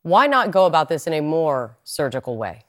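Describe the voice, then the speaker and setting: American woman anchor doing a live news interview, low voice, measured and probing. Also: sing-song.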